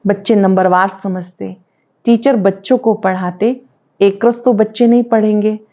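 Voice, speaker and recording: A woman giving a devotional lesson as a spiritual teacher, explaining scripture in a steady preaching manner with rhetorical questions. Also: medium pitch, lo-fi sound.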